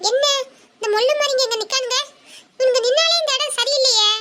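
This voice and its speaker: A very high voice doing a bossy, scolding young heroine. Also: brisk, noisy background. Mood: scornful. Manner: scolding, bossy, laughing scornfully. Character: tough young woman, sharp-tongued protector.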